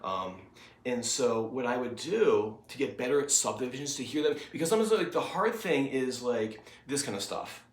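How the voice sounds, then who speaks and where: In a reverberant home studio, a guitar teacher with a cold talks a student through a casual recorded lesson, sounding stuffed up. His medium-pitched voice is animated at a normal speed, and he rambles with plenty of fillers.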